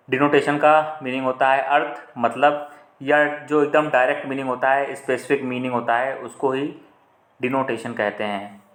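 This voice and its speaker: A man's voice: medium pitch, fairly bright tone. Patient man teaching in an echoey room. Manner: explains step by step, repeating terms, with frequent fillers and restarts. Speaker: exam prep teacher. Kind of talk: Hindi lesson explaining English vocabulary questions. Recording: roomy echo.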